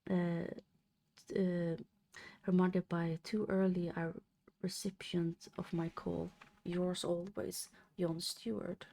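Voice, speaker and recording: Slow, gravelly woman reading aloud. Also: on the low side, little pitch movement, warm tone. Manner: halting reading, stumbles and restarts on words. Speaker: streamer reading a novel aloud. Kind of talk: live-stream reading aloud of a classic novel.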